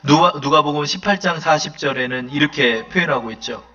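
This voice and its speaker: A male pastor delivering a sermon in a high, bright voice that keeps rising as he acts out prayers. His preaching is fervent and pleading. The recording sounds dull and lo-fi. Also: a little fast, soft background music.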